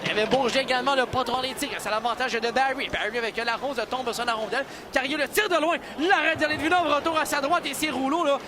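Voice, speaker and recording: High-pitched excited Quebec hockey commentator, man. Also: noisy background. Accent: Quebec French. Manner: rapid play calls rising to shouted goal calls. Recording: loud arena crowd and music behind. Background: hockey arena crowd and music.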